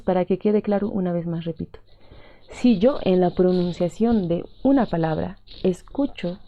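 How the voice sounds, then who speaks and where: A woman's voice: fairly low pitch, vocal fry, dry recording. A woman teaching a language class with a Peruvian Spanish accent. She explains patiently, repeats her points and keeps checking in with her students. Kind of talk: explaining a lesson step by step. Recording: dull lo-fi audio.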